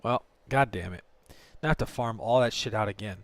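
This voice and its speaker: A man's voice: on the low side, fairly quick, a bit bright, no room sound. A man streaming a game, talking to viewers in live commentary and swearing often as he rants.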